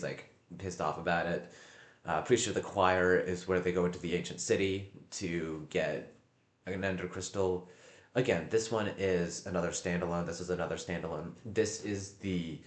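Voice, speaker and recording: A man livestreaming casual, rambling commentary, halting and often repeating himself as he searches for words. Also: deep voice. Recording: echoey room.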